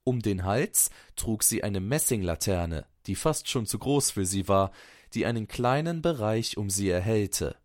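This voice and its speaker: Calm man narrating a storybook slowly. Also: on the low side, no room sound, studio quality.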